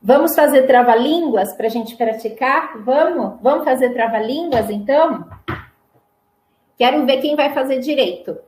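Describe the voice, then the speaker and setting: A woman with a Brazilian accent teaching Portuguese pronunciation, repeating words slowly and clearly for learners at a whiteboard. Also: high-pitched, a little mellow, roomy sound, a little hiss or hum. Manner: slow, drawn-out repetition of single words. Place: classroom with whiteboard.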